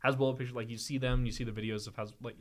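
A man's voice: mid-range voice, flat delivery, very fast. A young man co-hosting a casual podcast chat, playfully teasing the others. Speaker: podcast co-host.

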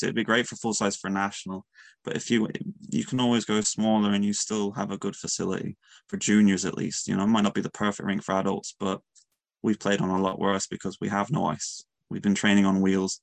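A man from County Mayo with a west of Ireland accent, giving casual interview answers in an earnest, halting way that repeats words. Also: deep voice, vocal fry, no echo. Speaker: youth sports coach and player.

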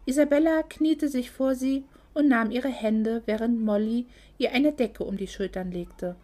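Brief: female audiobook narrator, measured, steady storytelling. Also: fairly high pitch. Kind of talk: scripted narration.

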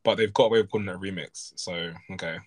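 A man's voice: sits low, fairly even intonation, fast talker. A man co-hosting a podcast in casual chat, rambling and correcting himself with frequent chuckles. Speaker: podcast co-host.

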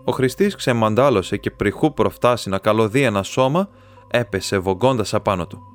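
Guy reading a story out loud, kinda low voice, calm, faint music under it. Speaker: audiobook reader. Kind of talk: reading a classic short story aloud.

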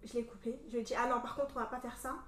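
A young woman from Cameroon telling a story in casual chat, animated and full of fillers. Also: a little high, racing, a little hiss or hum. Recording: echoey room from a distance.

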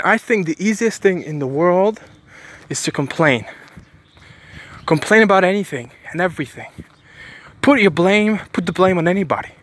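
A man with a high, slightly bright voice gives a preachy motivational monologue. He rambles, often restarting his sentences, and repeats phrases to stress his points.

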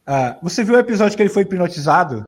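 A man's voice: sits high, big pitch swings, racing. Chatty Brazilian man with a slight stammer. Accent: Brazilian Portuguese. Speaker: podcast co-host. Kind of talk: casual gaming podcast chat.

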